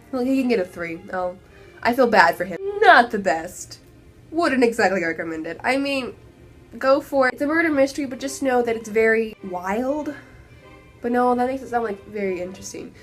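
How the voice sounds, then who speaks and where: A young woman with a Texan accent, hoarse and losing her voice, giving an animated, exasperated book review with laughing asides. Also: a little high. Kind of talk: casual video review rant.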